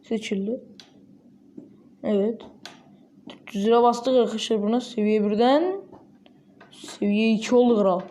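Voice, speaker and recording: A woman talks through a mobile game in a casual, chatty way. Her voice sits fairly high, with a soft, mellow tone. She keeps breaking into sudden bursts of excited exclamations. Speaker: gaming channel host.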